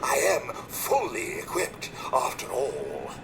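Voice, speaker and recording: A man voicing a smooth, overly polite male robot doctor in a video game, chipper and pompous. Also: mid-range voice, wildly swooping pitch, slow, background noise, heavily acted. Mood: smug. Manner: pompous, chipper, unsettlingly cheerful. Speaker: vault medical robot.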